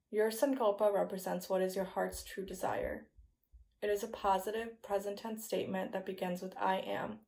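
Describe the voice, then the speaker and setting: A woman guiding a yoga nidra meditation in a slow, soothing, hypnotist-like manner with soft phrase endings. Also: mid-range voice, gravelly. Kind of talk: guided meditation, scripted relaxation narration.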